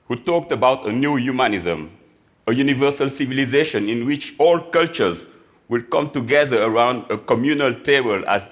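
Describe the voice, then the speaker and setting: A man from Senegal tells his story from a conference stage in a measured, reflective way. His voice sits at an ordinary pitch for a man, and he speaks as a chef giving a prepared talk. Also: fairly bright tone.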